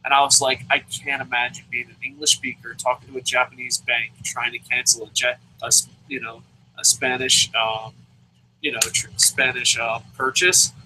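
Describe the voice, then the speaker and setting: This wrestling review show host, based in Japan, chats casually and profanely, rambling and restarting with stammers. He has a mid-range, bright, forceful voice with a level tone at normal speed. Audio quality is poor, carrying slight hiss or hum.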